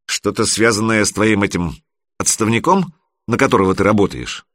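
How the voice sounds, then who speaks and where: A man's voice: lowish voice, moderate pace, a bit bright, no room sound, clean studio sound. A man voicing a stern, suspicious middle-aged father in an audiobook. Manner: stern, gruff. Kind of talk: audiobook character voice.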